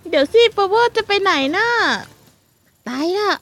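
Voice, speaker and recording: Woman doing a high girlish little sister. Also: lively intonation, a little slow, fairly bright tone, full character voice. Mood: flustered. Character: young sister girl, pleading and clingy.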